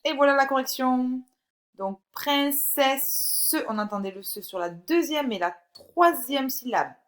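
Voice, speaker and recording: A woman teaching a recorded phonics lesson to young children, reading words slowly and clearly and encouraging the child directly. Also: sits high, animated. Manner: slow, clear, drawn-out word by word reading. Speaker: primary school teacher.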